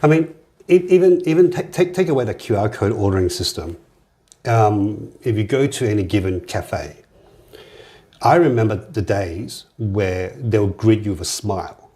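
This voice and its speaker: Lowish-voiced male podcast host. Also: animated, normal speed, dark tone. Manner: repeats words and restarts often. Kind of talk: casual conversational interview.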